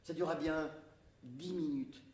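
A man's voice: a little high, a little mellow. Man reading a story aloud in a theatre. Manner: measured, dramatic storytelling. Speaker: reader. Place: theatre stage. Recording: echoey theatre from far off.

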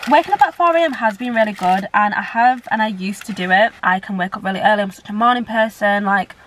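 A woman's voice: medium pitch, quick pace, fairly bright tone, slight background noise, low-quality recording. A young woman from Britain chatting casually to camera at home, rambling and filling her talk with "like" and "blah, blah, blah". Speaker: vlogger. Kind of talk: casual vlog chat to camera. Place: at home indoors.

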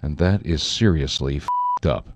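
A man's voice: extremely low pitch, a little slow, noisy background. A man playing a solemn announcer, reading a mock-serious scripted introduction for a comedy sketch. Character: solemn male announcer introducing a true story. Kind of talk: scripted narration.

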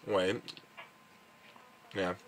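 A man vlogging at home, tasting and reviewing candy in a rambling, casual way, full of fillers, sometimes talking while chewing. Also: extremely slow. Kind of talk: casual chat. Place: at home with his dog.

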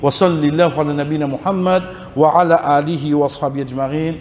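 A man giving a religious lesson in a mosque hall, slowly repeating Arabic words to correct their pronunciation. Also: on the high side, steady tone, darkish tone. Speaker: religious teacher.

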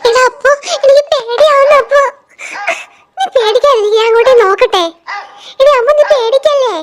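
Very high, childlike doll-show voice. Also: female voice, moderate pace. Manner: childlike, excitable, shrieks when scared.

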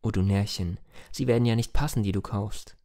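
A tender, lively young village girl from an audiobook tale, as a male reader puts her on. She pleads in a raised, eager voice, lifted well above the reader's low, mellow tone. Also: a little fast, lightly acted. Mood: fretful.

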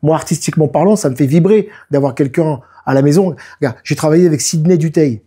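Man in his 50s telling stories in an interview, kinda husky, acts out quotes. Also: a little high, quick pace. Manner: lively storytelling, often acts out what people said. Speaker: musician and producer, guest. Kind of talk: casual interview talk.

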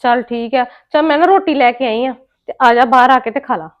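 A woman acting as an aunt in a scripted family drama, scolding and emotional, her voice rising loud when upset. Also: high-pitched, a little fast, lo-fi sound.

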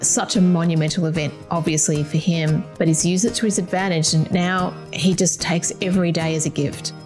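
A woman's voice: fairly low pitch, fairly even intonation, brisk, darkish tone, faint music behind. A woman in her forties hosting a podcast interview, earnest and thankful toward her guest, speaking on a video call. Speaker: podcast host. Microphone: headset and desk mic on video call.

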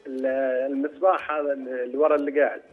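A man phoning in as a game contestant and giving brief answers over a thin, rough line. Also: a little high, little pitch movement, racing, phone-quality sound. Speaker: phone-in contestant. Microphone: telephone. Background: faint music.

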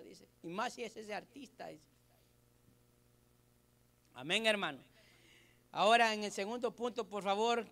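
Man preaching, high voice, bright tone, asks the crowd questions, loud then soft. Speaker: pastor. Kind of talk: sermon. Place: church service.

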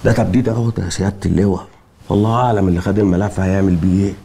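An actor playing a young, worried nephew and junior officer with an Egyptian accent, pleading and exasperated. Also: male voice, sits low, steady tone, racing, warm tone, a little hiss or hum. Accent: Egyptian Arabic.

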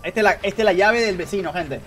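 A man doing live gameplay commentary, excitable, repeating phrases rapidly and talking straight to his chat. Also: high-pitched. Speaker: gaming streamer.

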